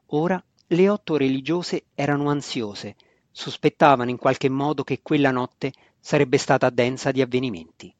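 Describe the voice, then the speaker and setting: A man reading a fantasy novel aloud in a steady, measured scripted narration. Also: mid-range voice, no room sound. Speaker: audiobook narrator. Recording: dry, slightly dull lo-fi recording.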